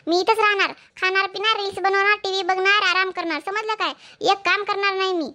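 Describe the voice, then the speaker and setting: A woman's voice: very high voice, fairly even intonation, fairly quick, noisy background. A woman playing a lazy, quarrelsome young daughter-in-law in a village family comedy skit, speaking with a Marathwada Marathi accent and snapping combative challenges again and again. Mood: defiant. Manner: combative, keeps repeating "समजलं काय?".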